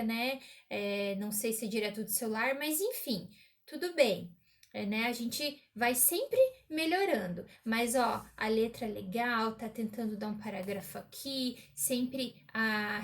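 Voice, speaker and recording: A woman teacher giving a recorded remote lesson to a child, slow and encouraging, often checking in with the listener. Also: on the high side.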